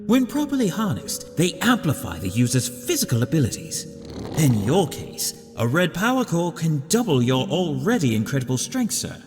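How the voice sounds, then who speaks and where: A man's voice: fairly high pitch, wildly swooping pitch, moderate pace. A man voicing a vain, scheming villain doctor in a comic dub, with pompous, theatrical, articulate delivery. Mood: condescending. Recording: music behind the voice.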